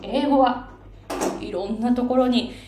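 A woman pronunciation coach explaining a chart in a patient, lively way, with many fillers and English phrases dropped into her talk. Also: fairly high pitch, a little slow. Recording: echoey room, faint background noise.

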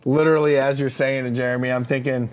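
A man's voice: mid-range voice, quick pace. Male podcast co-host, emphatic coaching delivery, lots of "right?" check-ins, casual. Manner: energetic, emphatic, lots of fillers and "right?" tags. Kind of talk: casual leadership podcast chat.

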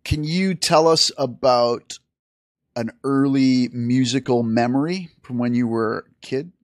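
A man hosting an interview, asking quick questions and answering with upbeat praise. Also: medium pitch, no echo, studio quality. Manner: upbeat, affirming. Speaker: interview host.

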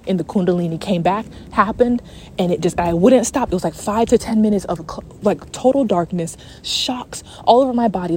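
A woman's voice: mid-range voice, mellow. A woman podcast host telling a personal story in a casual monologue, outdoors in the wind, candid and swearing freely. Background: wind noise.

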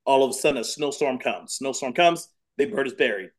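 A man in his thirties, a dance acrobatics coach chatting as a podcast guest, telling stories with animated energy and repeating phrases for emphasis. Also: mid-range voice, brisk. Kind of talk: casual interview chat.

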